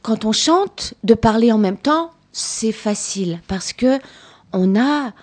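A woman's voice: on the high side, animated, slow pace. A woman from Canada, a stage actress patiently explaining theatre work to children and repeating words for emphasis. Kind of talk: answering children's questions after a show.

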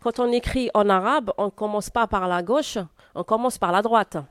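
An Algerian woman whose first language is Arabic answers a class's questions as an interview guest, speaking hesitantly with frequent filler pauses. Her medium-pitched voice is clear, and the recording is dry, clean studio sound.

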